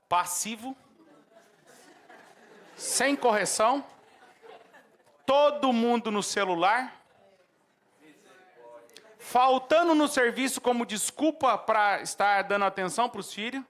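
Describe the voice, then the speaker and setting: The preacher is a man whose voice is extremely high pitched, carrying a Brazilian Portuguese accent. Delivering his sermon as pastor, he bursts into animated outbursts and acts out shouts.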